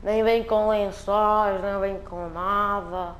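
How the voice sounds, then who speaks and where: A man's voice: high-pitched, fairly even intonation, takes it slowly, fairly bright tone. A man with a European Portuguese accent giving joking, slangy commentary while playing a video game. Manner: joking, slangy, repetitive banter. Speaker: gameplay commentator. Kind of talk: casual gameplay commentary.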